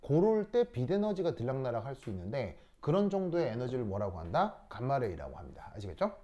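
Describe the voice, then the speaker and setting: Lively man teaching a class, mellow voice. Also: medium pitch, fast, muffled recording. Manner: lively, teasing, asks students questions. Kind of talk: classroom lecture.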